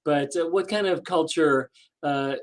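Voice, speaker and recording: A man's voice: a little high, measured pace. A man hosting an interview, asking friendly prompting questions. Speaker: host.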